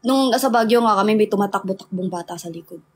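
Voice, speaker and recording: A woman's voice: mid-range voice, fast talker, a little mellow. A young woman with a Filipino accent, chatting casually with viewers on a livestream, laughing often and mixing English in. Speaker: livestream host.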